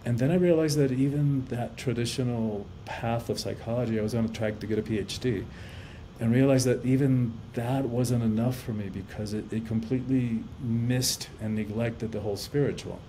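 A Cuban man in his fifties, a life coach and author, speaks as a guest on a video-call podcast from a room at home, in casual interview conversation. His mid-range, dark voice moves at normal speed with fairly even intonation, earnest and reflective, often repeating words as he thinks. The recording is rough, with a little hiss or hum.

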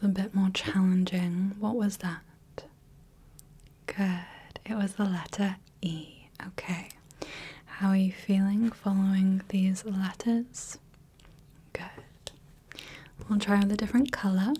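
A woman plays a gentle clinician in a whispered role-play, breathy and unhurried. She checks in kindly and reassures at every step. Her whisper is mellow and husky. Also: medium pitch, fairly even intonation. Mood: soothing. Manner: soft, slow, reassuring, checks in often. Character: gentle female clinician testing the viewer's eyes. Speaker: ASMR creator playing a clinician running light tests.

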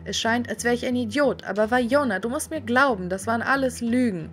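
A woman voicing an earnest, lovesick young man in an animated story, speaking in a pleading way. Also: a little high, a little fast, faint music behind, lightly acted.

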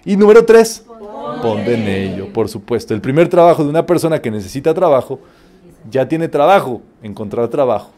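A man's voice: mid-range voice, fairly quick. A man giving a spiritual teaching talk, telling stories and rising emphatically on each numbered step. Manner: lively storytelling, rising emphatically on numbered steps. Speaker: metaphysics teacher.

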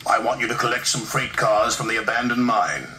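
A man voicing a stern railway boss in a storybook reading, brisk and dismissive. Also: medium pitch, bright, forceful tone, slight background noise, natural voice. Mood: firm. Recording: roomy echo with music behind.

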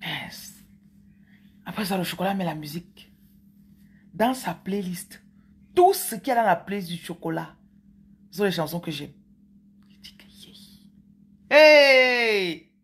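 A woman's voice: fairly low pitch, lively intonation, moderate pace, long pauses, darkish tone, slightly rough. A woman, talking playfully and chattily to her viewers as a spiritual coach. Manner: playful, chatty, teasing asides. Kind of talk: casual monologue to viewers.

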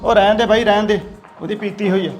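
A man playing a neighbour breaking up a fight in a family drama, shouting urgently. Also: sits high, fairly even intonation, fast, natural voice. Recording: shouting from far off, music behind.

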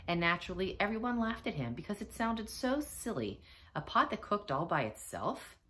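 A teacher reading a children's picture book aloud, with expressive storytelling. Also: female voice, medium pitch, moderate pace. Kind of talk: children's read-aloud narration.

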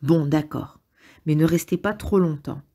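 A woman voicing an angry middle-aged male restaurant owner who barks curt orders, in a husky, dark, low voice. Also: unhurried. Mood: grudging.

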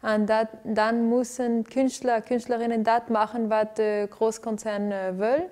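The speaker, a Venezuelan arts director, is a woman being interviewed in a living room with filming lights. Her voice is on the high side with a level, darkish tone, and she speaks unhurriedly. Her responses contain many fillers and restarts.

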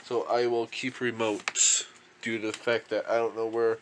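A man's voice: fairly low pitch, level tone, normal speed, noisy background. A young man vlogging as he unboxes storage-unit finds, thinking aloud and chuckling often. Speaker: reseller vlogger. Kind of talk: casual unboxing commentary.

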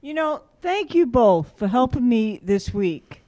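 A woman's voice: fairly high pitch, big pitch swings, a little slow, dark tone. A woman in a church children's message, chatty and encouraging, leading the group in prayer. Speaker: prayer leader.

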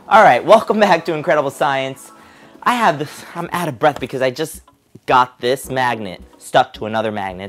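A man hosting a science vlog, demonstrating a toy with excited, emphatic exclamations. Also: mid-range voice. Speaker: host. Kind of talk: enthusiastic product demo vlog.

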